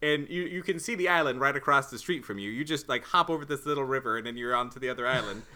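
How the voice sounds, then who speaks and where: A man's voice: medium pitch, fast talker, pushed and bright. A man co-hosting a casual podcast, playful and teasing, laughing often as he quizzes his brothers. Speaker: podcast co-host. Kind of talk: casual chat.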